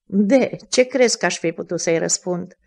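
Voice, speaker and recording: A woman's voice: lowish voice, gravelly, a little mellow. Woman reading young noblewoman, spirited, earnest, slightly defensive, audiobook dialogue.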